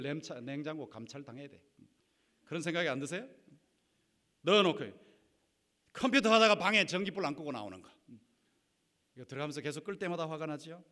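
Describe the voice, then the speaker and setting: A male pastor delivering a lively sermon in a fairly high voice. His pitch leaps and falls all over the place as he jumps from hushed asides to loud, emphatic bursts. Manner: animated preaching, acting out quoted spouses, swings between loud and hushed. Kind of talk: sermon on marriage conflict.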